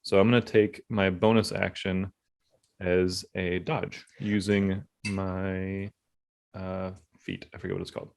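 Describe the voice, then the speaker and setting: Lower-voiced man playing a tabletop game. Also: level tone, unhurried, gravelly. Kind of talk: casual game-table chat.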